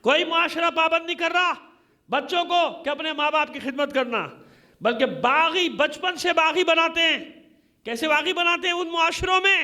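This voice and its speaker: Speaking at normal speed with fairly even intonation, a Pakistani Shia preacher with a very high, sharp voice gives an impassioned sermon. He addresses a congregation hall gathering emphatically and repetitively, using rhetorical questions.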